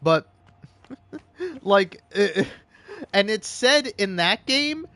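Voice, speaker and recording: A man's voice: high voice, sing-song, very slow, bright, forceful tone. A man streaming a game, chatting casually in a rambling way, chuckling and eating as he talks. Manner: rambling, chuckling, restarts a lot. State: eating while talking. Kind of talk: casual gaming chat.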